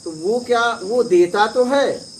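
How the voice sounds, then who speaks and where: A spiritual teacher with a notably high-pitched voice speaks slowly, giving a relaxed, conversational discourse. He tells parables and keeps making sure his listeners follow, with faint hiss in the background.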